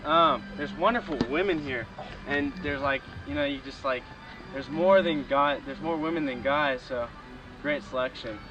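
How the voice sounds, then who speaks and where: Young man, higher-pitched, dull camcorder sound. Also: normal speed, over music. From Nevada, United States. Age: young adult. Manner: rambling, informal. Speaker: camper filming with a camcorder. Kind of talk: casual off-the-cuff chat. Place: outdoors at a camp.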